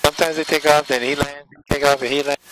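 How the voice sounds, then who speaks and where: A man's voice: on the high side, flat delivery, quick pace, music in the background. A man, a flight instructor, chatting casually and explaining flying inside a small airplane. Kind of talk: casual chat in the cockpit. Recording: noisy small-plane cockpit.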